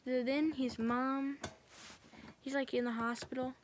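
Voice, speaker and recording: A woman with a slightly raised pitch talks through a film's story as a casual reviewer. She rambles, restarts and links every beat with "and then", keeping it loose and conversational. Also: little pitch movement, unhurried, a little hiss or hum. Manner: rambling, strings events together with "and then". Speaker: film reviewer. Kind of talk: casual film recap.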